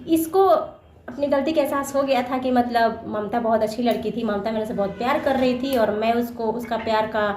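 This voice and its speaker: A woman's voice: fairly high pitch, brisk, darkish tone. A young woman vlogger telling a personal story to her viewers in a chatty way, repeating phrases and acting out what people said. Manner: chatty, repeats phrases, acts out quoted lines. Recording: echoey room with faint ambient noise.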